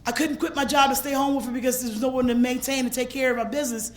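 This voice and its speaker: A woman from gives a personal recovery testimony at a convention. She moves between hushed storytelling and raw, shouted passages. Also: sits high, steady tone, rapid-fire. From Philadelphia, USA. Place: convention hall stage.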